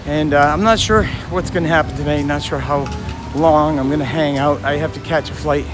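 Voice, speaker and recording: Casting: male live-stream host, slightly high raspy hoarse voice, casual and chatty, outdoors with clear music behind. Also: steady tone, brisk. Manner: chatty, addressing viewers and passersby. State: hoarse from yelling at a concert. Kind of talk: casual walk-and-talk livestream. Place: outdoors in a busy theme park. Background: music, outdoor park and vehicle sounds.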